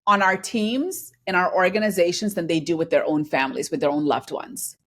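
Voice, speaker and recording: This finance and transformation executive from Bangladesh talks as a guest in a conversational interview. Her lowish voice is brisk and a bit bright. She comes across as earnest and reflective, acting out quoted exchanges.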